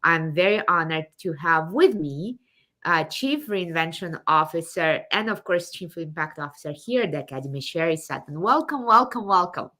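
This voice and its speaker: A woman's voice: sits low, expressive, normal speed, pushed and bright. A woman from Kazakhstan hosting a live online show, enthusiastic and fond of repeating her welcomes. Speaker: show host.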